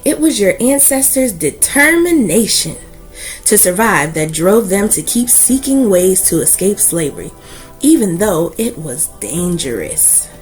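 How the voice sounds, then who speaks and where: This storybook reading for children comes from a woman with a mid-range voice that swoops and stays lively throughout. Like a read-aloud host, she phrases each line with deliberate emphasis. Soft music sits faintly underneath, and the audio is poor.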